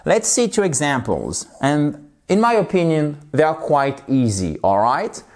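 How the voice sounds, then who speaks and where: Slow, playful man teaching English pronunciation. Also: a little high, big pitch swings, a little mellow. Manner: playful, drills pronunciation with repeated words; switches between French explanation and English examples. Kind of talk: online language lesson.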